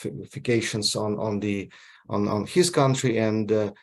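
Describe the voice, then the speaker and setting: A man from Ukraine, moderating an online panel over a video call, halting often with filler sounds and restarts. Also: fairly low pitch, steady tone, darkish tone.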